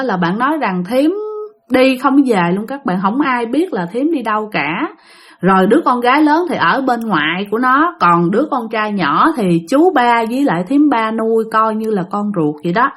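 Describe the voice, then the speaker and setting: A woman tells ghost stories in a relaxed, conversational way. She leans on filler particles and talks straight to her listeners, her voice sitting slightly high. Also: breathy edge. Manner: chatty, full of filler particles and restarts, addressing listeners. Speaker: storyteller. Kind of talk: casual spoken storytelling.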